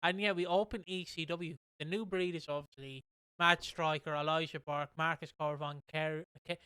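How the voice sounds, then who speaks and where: A man's voice: a little high, steady tone, normal speed, bright, forceful tone, clear, resonant tone, dry recording. A man hosting a casual podcast, rambling along with lots of fillers and restarts. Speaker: podcast host.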